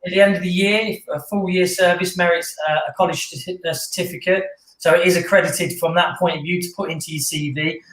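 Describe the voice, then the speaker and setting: A man with a fairly high voice talks through how the student union works, relaxed and full of "um"s. He sounds like he's in a roomy space with a noticeable echo, as if speaking on a call. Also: fast. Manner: relaxed and explanatory, with frequent fillers. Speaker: student union staff coordinator. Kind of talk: casual online panel chat.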